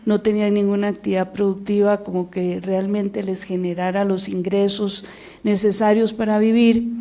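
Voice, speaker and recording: A Costa Rican woman speaks as a panelist in a warm, mellow tone at an ordinary pitch. She is measured and unhurried, and she pauses often on small filler sounds as she builds each point. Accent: Costa Rican Spanish. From Costa Rica. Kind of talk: panel discussion remarks.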